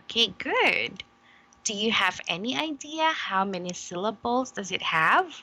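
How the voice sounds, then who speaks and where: A woman's voice: mid-range voice, lively intonation, measured pace, bright, forceful tone, rough recording. A woman giving an online English demo lesson, patient and encouraging, checking understanding with frequent "okay?".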